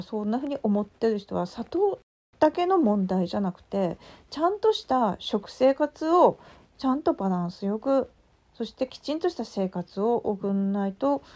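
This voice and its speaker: A woman podcast host with a Tsugaru dialect, telling a story in a casual, animated way with many asides. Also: fairly high pitch. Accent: Tsugaru dialect of Japanese. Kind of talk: casual solo audio chat.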